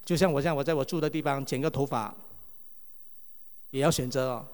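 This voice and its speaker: A man's voice: medium pitch, fairly quick. A male pastor, preaching a sermon and asking the congregation question after question. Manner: lively, asks the congregation many rhetorical questions. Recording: long reverb of a hall.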